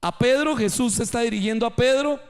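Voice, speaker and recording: A man's voice: extremely high pitch, fairly quick. A male pastor preaching a sermon in church, rising and dropping his voice for emphasis.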